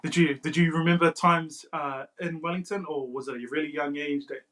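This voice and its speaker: A man's voice: on the high side, steady tone, a little fast, fairly bright tone, rough recording. A man hosting an unscripted podcast interview in a hesitant, informal way, often saying bro and you know. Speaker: podcast host.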